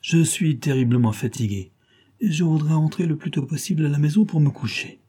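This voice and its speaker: A man voicing a disguised detective playing a grumpy, haughty gentleman who grumbles curtly. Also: on the high side, fairly quick, voice pushed up. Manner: gruff, grumbling, curt.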